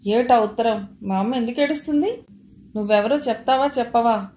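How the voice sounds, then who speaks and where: A woman's voice: on the high side, steady tone, unhurried, darkish tone, slight background noise. A woman reading the part of a worried, suspicious young woman who questions in a troubled voice, in a roomy recording with faint ambience. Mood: angry.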